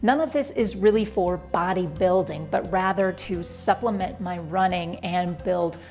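A woman's voice: on the low side, measured pace, a little mellow. Woman in her 40s chatting thru a home gym tour, lapel mic, bit of music underneath. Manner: upbeat, chatty, direct to camera. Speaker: fitness vlogger. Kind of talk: home room tour vlog. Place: basement home gym, indoors.

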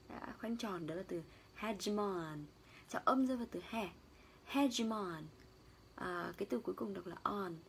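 A woman from Vietnam giving an English vocabulary lesson as a lecturer. She explains word stress and meanings step by step, and reads English quotes slowly. A faint background noise sits under her voice. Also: mid-range voice, vocal fry.

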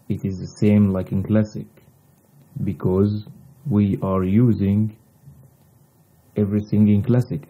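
A man whose native language is Arabic, teaching a language lesson in deliberate, halting short phrases on a slightly dull recording. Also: sits low. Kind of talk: slow instructional language lesson.

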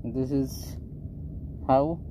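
Holding his phone at arm's length, a middle-aged man fishes from a small boat at sea and narrates casually for his viewers, whom he calls "guys." He talks extremely slowly in a medium-pitched voice with simple wording. Boat and water sounds fill a noisy background.

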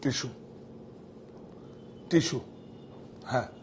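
A shop owner gives a casual, emphatic sales demonstration inside a saree showroom, speaking slowly and often repeating himself. His voice is picked up by a wireless clip-on mic on his chest, with a faint hiss or hum in the background.

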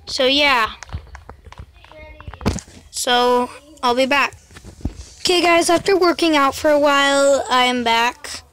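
Slow and often pausing, this young gaming channel host talks through her gameplay in a high-pitched, fairly bright voice. She chats casually and keeps addressing viewers as "guys," with slight background noise present.

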